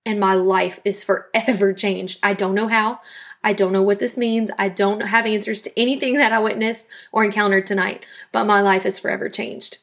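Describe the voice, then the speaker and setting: A woman's voice: medium pitch, fairly even intonation, moderate pace, fairly bright tone. A young woman from South Louisiana telling her personal faith testimony on a podcast in an earnest, reflective way. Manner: earnest, reflective storytelling with quoted dialogue. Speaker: podcast host.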